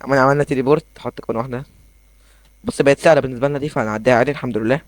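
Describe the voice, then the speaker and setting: Young man, Egyptian accent, gameplay commentary, excitable, rambling, very fast, dry room. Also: mid-range voice, no room sound. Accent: Egyptian Arabic. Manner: excitable, rambling, quick asides. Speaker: gaming YouTuber. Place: his bedroom at home.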